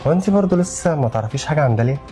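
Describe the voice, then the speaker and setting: A man's voice: on the high side, animated, racing, warm tone, faint music behind, lightly acted. A man playing a young husband home from abroad, speaking urgently and reassuringly. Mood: probing. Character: young husband back from abroad, protective son.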